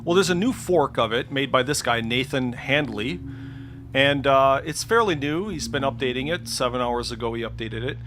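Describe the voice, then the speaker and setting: This tech video creator sits indoors at a computer for a casual, unscripted screen-share walkthrough, hesitant and thinking aloud, with the odd mild swear. His medium-pitched voice is animated and at normal speed, against a noisy background.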